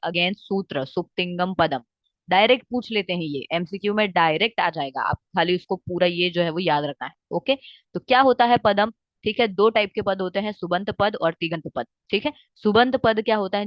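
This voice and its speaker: A woman's voice: medium pitch, dry recording, lo-fi sound. A woman teaching Sanskrit grammar for exams, mixing English words into her talk, often checking that students follow and drawing out vowels to show how they sound. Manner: checks often with "ठीक है" and "आ गई बात समझ में?"; mixes English words into Hindi. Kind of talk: exam-focused lecture.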